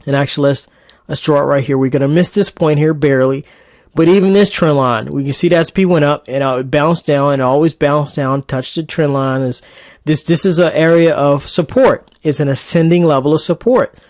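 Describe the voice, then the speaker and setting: A man's voice: fairly high pitch, fairly quick, a little mellow, no echo. Chatty male trading coach, dry close mic. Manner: casual, chatty, with fillers and asides. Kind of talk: screen-recorded market recap lesson.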